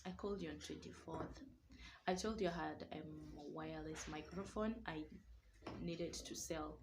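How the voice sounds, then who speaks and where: A woman's voice: sits low, normal speed, background noise. A woman with a Kenyan accent, vlogging emotionally from a small single room, pleading and sometimes dropping to a whisper. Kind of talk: emotional personal vlog.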